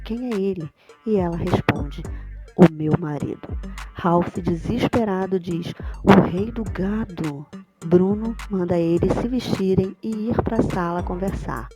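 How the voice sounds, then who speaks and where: A woman with a Brazilian Portuguese accent giving a scripted soap opera recap, reading the characters' quoted lines aloud in a plain narrating voice. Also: fairly low pitch. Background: background music.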